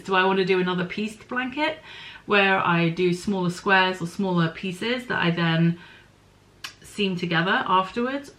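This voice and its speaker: A middle-aged woman hosts a podcast, her voice lowish and a bit bright, though the audio is poor. She chats casually about her knitting and spinning, thinking aloud and pausing to apologise for small slips.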